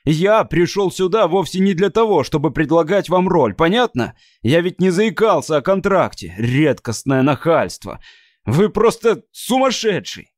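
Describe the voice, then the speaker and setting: A man's voice: high-pitched, unhurried, darkish tone, dry recording, voice pushed up. A man doing an irate film studio boss. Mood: indignant. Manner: fierce, indignant.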